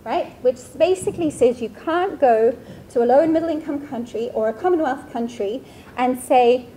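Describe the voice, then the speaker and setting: Seminar speaker: woman from Sweden, 30s, high voice, casual academic delivery, faint room hum. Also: moderate pace, dark tone. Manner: conversational, frequent tag "right?". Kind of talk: academic talk with slides. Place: lecture room.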